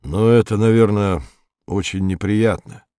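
A man reading the lines of a gentle, worried young actress in a soft, pleading way. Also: fairly low pitch, steady tone, a little slow, clear, resonant tone, no echo, studio quality, lightly acted.

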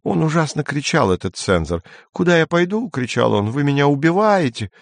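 A man's voice: medium pitch, animated, moderate pace, gravelly, no room sound. A man doing a grumbling, jittery man. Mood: telling. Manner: grumbling, slightly raised voice.

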